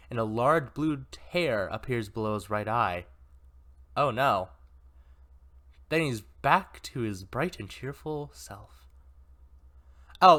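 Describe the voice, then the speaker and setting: Chatty male reader with asides and self-corrections, animated pitch. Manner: chatty, self-correcting, laughs at own mistakes. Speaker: story reader and commentator. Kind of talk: reading an interactive novel aloud with asides.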